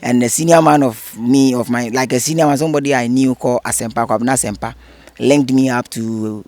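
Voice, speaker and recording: A man's voice: medium pitch, fairly even intonation, a little fast, a little mellow, dry recording. A man, a guest in an interview, explaining things earnestly and at length. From Ghana. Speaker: interview guest, head of a cleanup group. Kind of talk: casual interview.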